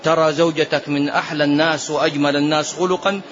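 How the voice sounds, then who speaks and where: A man teaching a religious lesson as a sheikh, telling stories and urging his listeners with animated exhortations. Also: fairly high pitch, fast. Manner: animated storytelling with urgent exhortations. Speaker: sheikh teaching a hadith book. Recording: dull lo-fi recording, faint hiss.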